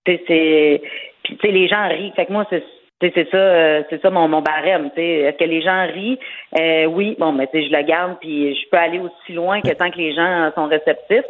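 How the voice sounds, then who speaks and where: A woman with a Québécois accent, a comedian guest chatting casually, talking quickly with many fillers and restarts. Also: low-pitched, fairly even intonation. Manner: rapid, hesitant, full of fillers and restarts. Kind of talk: casual interview chat. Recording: narrow phone-like radio sound.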